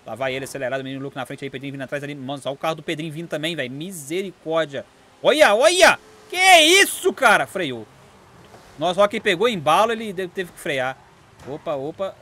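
A young Brazilian man hosting online car races with friends, shouting countdowns and teasing the drivers in rapid slang. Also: on the high side. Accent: Brazilian Portuguese. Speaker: gaming channel host. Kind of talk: excited live gameplay commentary.

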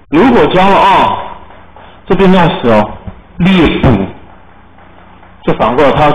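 A man with a Taiwanese Mandarin accent teaching English vocabulary to a class, spelling words letter by letter and explaining them in Chinese. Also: sits high. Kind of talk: classroom lesson. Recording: roomy, muffled classroom recording with faint noise.

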